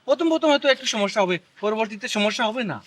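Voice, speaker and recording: A man playing a lively, boastful young husband. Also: high-pitched, fast. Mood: insistent. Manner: boastful, show-off, insistent. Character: boastful young husband showing off city speech. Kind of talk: comic regional drama acting.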